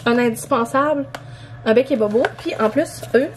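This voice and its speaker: A woman's voice: fairly high pitch, moderate pace, soft background music. A young woman with a Québécois French accent chatting casually in a vlog, rambling with lots of fillers as she shows things she bought. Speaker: vlogger. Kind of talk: casual vlog showing purchases.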